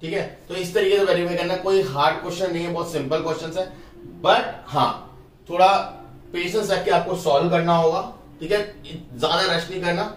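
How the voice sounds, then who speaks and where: Math teacher in a roomy room. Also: male voice, high voice, steady tone, fairly quick, recorded from a distance, a little hiss or hum. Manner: talks through each step of the working, asks pupils if it is clear. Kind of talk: casual classroom explanation. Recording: roomy, from off the mic.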